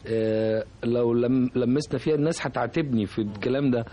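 A man with an Egyptian accent, a composer being interviewed on radio, talking reflectively and pausing often to find his words. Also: mid-range voice, mellow, a little hiss or hum. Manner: reflective, hesitant, searching for words. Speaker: composer, guest.

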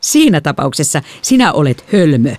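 A woman's voice: deep voice, very animated, darkish tone, no room sound. A woman reading an audiobook, voicing a stern, overprotective father who speaks curtly. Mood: scolding. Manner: gruff, curt.

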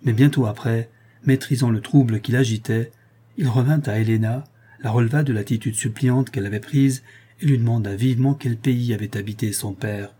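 Guy reading an old gothic novel aloud, husky mellow voice, dramatic pacing. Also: mid-range voice, steady tone. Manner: measured, dramatic storytelling. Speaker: audiobook narrator. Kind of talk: scripted narration of a gothic novel.

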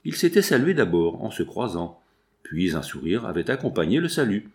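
Male audiobook narrator, expressive and measured, lowish voice, wide pitch. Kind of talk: scripted narration of a novel.

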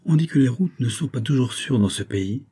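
A man's voice: medium pitch, expressive, fairly quick, warm tone, breathy edge, voice pushed up. A man voicing a loving, earnest young woman in a raised, tender voice.

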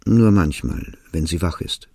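A man voicing a calm, polite monk who answers in a plain, measured way in a storybook reading. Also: low-pitched, husky, dry recording, clean studio sound, heavily acted.

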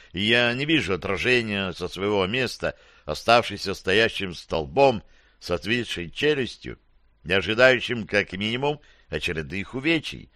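A man's voice: lowish voice, sharp tone, no echo, studio quality. A man reading a fantasy audiobook in the first person, with a wry, slangy storytelling manner. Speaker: audiobook narrator.

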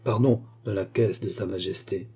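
A man voicing a smooth, scheming royal finance minister who speaks in a courtly, assured manner. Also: sits low, steady tone, normal speed, darkish tone, voice pushed down.

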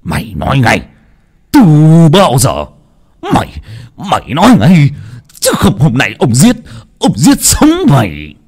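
A man's voice: medium pitch, huge pitch swings, unhurried, breathy edge, pitched above the performer's own voice, heavily acted. A man doing a raging old village tyrant. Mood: raging threats. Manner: shouting, threatening, stammering with rage.

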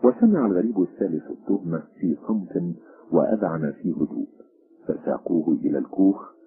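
A man reading a literary story aloud as an expressive audiobook narrator, with a tinny phone-like sound. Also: sits low, a little fast, husky.

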